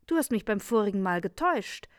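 A woman's voice: medium pitch, very animated, fairly quick, no room sound, lightly acted. A woman voicing an earnest, indignant young prince in a read-aloud fairy tale, in her own voice. The room sounds dry.

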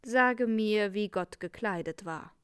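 A woman voicing a calm, dismissive old king who is secretly a magician, in a read-aloud fairy tale. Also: mid-range voice, slow, clear, resonant tone, no room sound, studio quality. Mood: unmoved.

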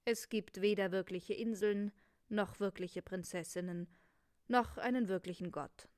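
Calm old storybook king, read by a woman narrator. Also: medium pitch, unhurried, dry recording, clean studio sound, close to an everyday voice.

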